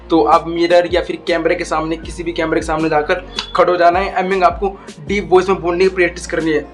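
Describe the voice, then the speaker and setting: Young guy doing a chill tutorial, takes it slow, voice kinda on the high side, faint music under it. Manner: slow, deliberate, addresses viewers as guys and bro. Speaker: YouTube voice coach. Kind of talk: casual tutorial talk.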